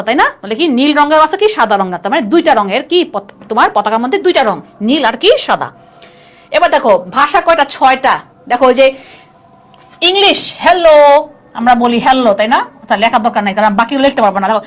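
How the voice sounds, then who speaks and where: A woman teaching a live online class, chatty and constantly quizzing her students. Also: high-pitched. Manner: chatty, keeps asking students questions.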